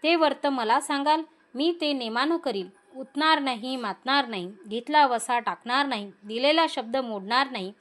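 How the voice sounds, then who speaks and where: A woman voicing a palace maidservant who asks short, brisk questions. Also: sits high, fairly bright tone. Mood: humble. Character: palace maidservant, blunt then humble.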